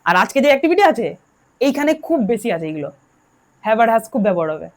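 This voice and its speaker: A woman from Bengal teaches English grammar in a classroom lesson, drilling her students and telling them to answer aloud. Her slightly high voice is very animated and fast.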